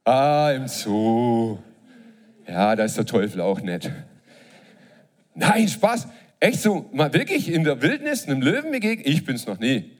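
A man's voice: on the high side, moderate pace. A man preaching a sermon to a live congregation, joking and asking the audience questions. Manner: lively, jokes and asks the audience questions.

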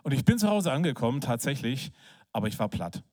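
Man, preacher, casual sermon, chatty storytelling, filler words, middle pitch. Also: big pitch swings, fast. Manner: soft, hushed prayer. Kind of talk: sermon with personal story and prayer.

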